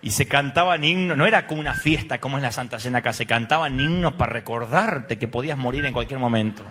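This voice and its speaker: A middle-aged Argentine pastor with an Argentine Spanish accent preaches a humorous sermon, telling stories with acted-out voices and sound effects. He speaks fast at a medium pitch, with background noise present.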